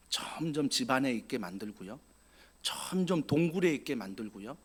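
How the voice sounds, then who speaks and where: A man preaching a sermon as pastor, dramatic, acting out quoted voices and building to loud, emphatic preaching. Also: medium pitch.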